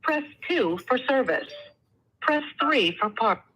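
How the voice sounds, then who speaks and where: A woman's recorded phone menu message, a scripted announcement read in slow, carefully spaced prompts. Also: high-pitched, lively intonation, a bit bright, husky. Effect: recorded phone menu message over a phone line. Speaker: automated phone greeting.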